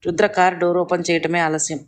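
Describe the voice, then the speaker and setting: A storyteller narrates a family drama in a steady, even reading. The pitch stays flat and narrow, at a middle height, with an unhurried, measured delivery.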